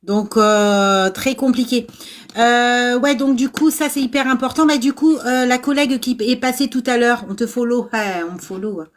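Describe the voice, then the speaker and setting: A woman's voice: fairly high pitch, steady tone, normal speed. A middle-aged woman hosting a casual livestream from an old house, chatty and self-mocking, laughing often and filling with hesitations. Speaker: nursing-assistant VAE coach and livestream host. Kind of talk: casual livestream chat with viewers. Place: old house without air conditioning.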